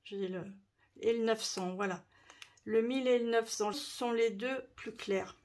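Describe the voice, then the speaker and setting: A woman's voice: a little high, fairly even intonation, measured pace, noisy background. Chatty woman demonstrating crafts. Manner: chatty, explaining while working. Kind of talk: crafting tutorial.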